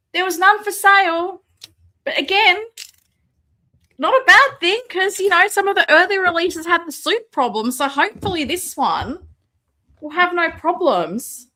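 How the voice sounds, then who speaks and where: On a live toy collecting show, a high-voiced woman host chats with her pitch bouncing all over, reading viewer comments and joking about herself while unboxing a figure. Her tone is sharp, and she calls her voice booming. She speaks into a desk mic that's sometimes moved away.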